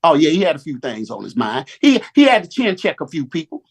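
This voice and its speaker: A man giving a preacher-style motivational talk on a Zoom call, animated and slang-heavy, calling on listeners to answer back. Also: fairly high pitch, brisk, creaky, slightly rough.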